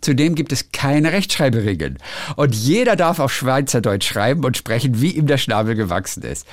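A man's voice: medium pitch, moderate pace, no room sound, studio quality. A German man, a radio host, reading a listener's letter aloud and chatting casually on the phone. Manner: lively, reads aloud with playful emphasis.

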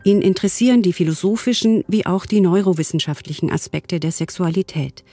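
A female radio reporter narrates her report calmly. Her voice is warm and dark, recorded dry with no room sound. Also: fairly low pitch, brisk, no room sound. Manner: calm, informative narration. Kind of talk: scripted reportage.

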